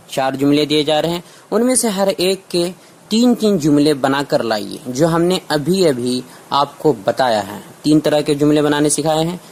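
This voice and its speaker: A man's voice: a little high, darkish tone. A man teaching a basic English lesson, repeating each word patiently for learners.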